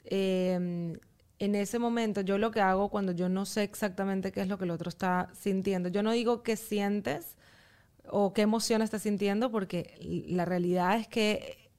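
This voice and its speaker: A woman guest on a podcast, speaking calmly and in a measured way as she explains her parenting approach step by step. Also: mid-range voice, clear, resonant tone. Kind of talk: casual chat.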